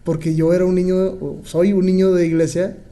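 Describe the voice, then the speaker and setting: A man's voice: high voice, fairly quick. Laughing young man telling stories. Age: 20s. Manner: animated storyteller, laughs often, many fillers. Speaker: podcast co-host. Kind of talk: casual podcast conversation.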